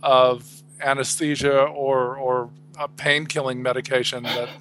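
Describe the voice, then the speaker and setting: A man's voice: mid-range voice, level tone, unhurried, a bit bright, a little hiss or hum. A middle-aged man on a phone line, chatting as a guest and telling stories in a dry, wry way. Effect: heard over a phone line. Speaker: guest commentator. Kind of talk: casual chat.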